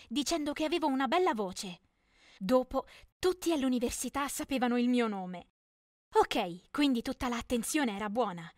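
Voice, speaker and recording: A woman's voice: a little high, no room sound, studio quality. A young woman telling a dramatic first-person teen story in scripted narration.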